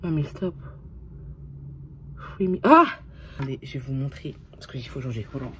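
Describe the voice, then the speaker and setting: In a relaxed vlog, a young woman who sounds tired speaks quickly in a low, mellow voice, cursing freely and weaving English expressions into her French. Faint hiss sits in the background.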